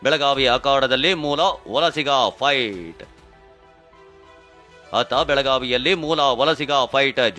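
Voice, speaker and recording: Male news narrator, bright, forceful, punchy, Kannada accent, light music bed. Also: medium pitch. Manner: dramatic, punchy delivery. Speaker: news reporter. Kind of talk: scripted news voice-over.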